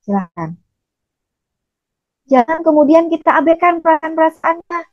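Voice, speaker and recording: Woman, middle-aged, parenting coach, gentle, fairly high voice, muffled dry sound. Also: normal speed, dry recording, faint music behind. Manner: gentle, addresses listeners as dear, acts out parent voices. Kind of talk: recorded talk to parents.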